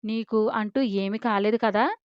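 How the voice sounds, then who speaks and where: A woman's voice: mid-range voice, measured pace, smooth, no room sound, highs cut off, lightly acted. A woman voicing a caring older woman who soothes and fusses over a young woman she treats as a daughter. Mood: tender. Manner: tender, anxious, soothing. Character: caring older woman, doting motherly carer.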